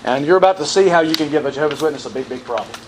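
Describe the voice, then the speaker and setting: A man's voice: fairly high pitch, very fast, slight background noise, rough recording. A man teaching from the Bible in a sermon style, asking the audience questions and repeating verse references.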